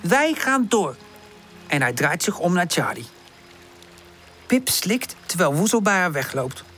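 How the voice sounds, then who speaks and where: A woman reading a children's audiobook aloud, calm and gentle. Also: lowish voice, measured pace, soft background music. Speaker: audiobook narrator.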